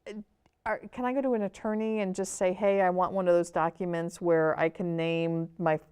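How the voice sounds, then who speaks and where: A woman's voice: fairly low pitch, little pitch movement, moderate pace, a little mellow, clean tone. A woman hosting an interview, asking questions through hypothetical personal scenarios. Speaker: interview host. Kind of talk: conversational interview.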